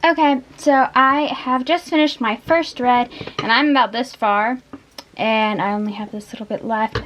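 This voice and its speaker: With a fairly high voice and a nose stuffy from allergies, a young craft vlogger chats her way through a casual tutorial, demonstrating a craft step by step and drifting off-topic. There's a little hiss or hum in the audio.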